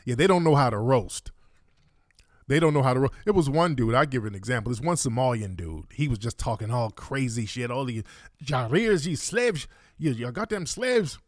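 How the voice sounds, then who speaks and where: A man hosts a livestream in a boastful, heated, slang-heavy way. His voice sits at a middling pitch, and the sound is close and dry with no room around it. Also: brisk, dry recording. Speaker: livestream host. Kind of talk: combative commentary.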